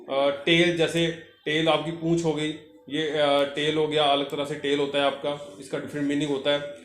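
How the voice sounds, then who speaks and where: A male vocational teacher explains a textbook lesson, reading English lines slowly and then explaining them. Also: a little high, monotone, a bit bright. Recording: echoey room with faint noise.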